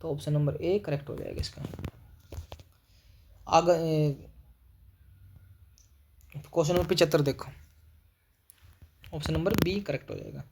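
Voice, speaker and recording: A young male teacher works through a spelling quiz, breaking every word into its syllables. His voice sits a little higher than most men's. He keeps a steady, practical classroom pace and closes each answer with a brief check-in to his students. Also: unhurried, gravelly, long pauses, a little hiss or hum. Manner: spells words syllable by syllable, repeats "ठीक है", calls students "भाई". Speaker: Hindi teacher. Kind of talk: exam-prep spelling lesson.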